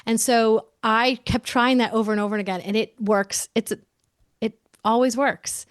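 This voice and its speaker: A woman's voice: a little high, fairly even intonation, moderate pace, no room sound, studio quality. A woman in her forties talking candidly as an interview guest, emphatic and chatty, often saying "like" and restarting her sentences. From United States.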